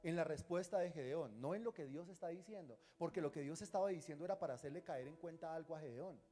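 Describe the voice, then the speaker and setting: A male pastor preaching a sermon in a lively, teasing way, often putting questions to the congregation. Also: a little high, fast, faint music behind.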